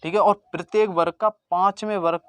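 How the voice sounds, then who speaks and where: Exam-prep teacher, mid pitch, question-and-answer drilling, dry recording. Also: fairly even intonation, a little fast, smooth, no room sound. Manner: call-and-response, asks a question then answers it lower and softer. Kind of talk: exam-prep grammar lesson.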